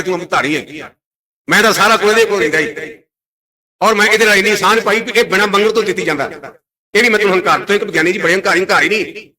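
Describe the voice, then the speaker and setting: A preacher man delivers a sermon in a loud, emphatic voice. His voice sits high and has a bright, forceful edge. He slows down to intone scripture lines. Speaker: Sikh preacher giving katha. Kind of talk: religious sermon.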